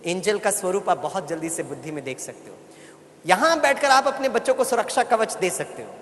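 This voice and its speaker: A man's voice: sits high, expressive, fairly quick, fairly bright tone. A man giving a motivational spiritual talk to a live audience, telling stories and getting listeners to repeat lines after him. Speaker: spiritual speaker. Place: large hall with audience. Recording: echoey hall, faint background noise.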